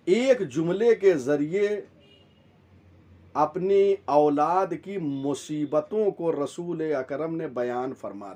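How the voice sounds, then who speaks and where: A male religious scholar delivering a sermon with measured, rhetorical repetition. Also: on the high side, a little mellow. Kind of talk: Shia majlis sermon.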